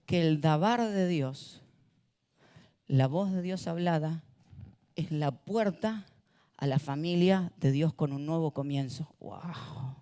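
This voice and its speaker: Pastor guy preaching, animated, keeps telling the church to say it with him. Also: fairly high pitch, takes it slowly, pauses often, clear, resonant tone. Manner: animated, calls congregation to repeat words. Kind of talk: sermon. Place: church auditorium. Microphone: handheld or stage mic.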